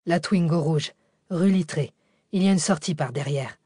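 A composed man speaks steadily to calm others down, as a woman reads him aloud. The delivery is low-pitched and recorded dry and close. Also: moderate pace, breathy edge, no room sound. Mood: reassuring. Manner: steady, reassuring.

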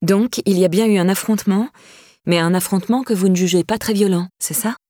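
A woman's voice: medium pitch, a little fast, warm tone, no echo, studio quality, natural voice. A woman voicing a female police detective who questions in a light, melodious, probing way.

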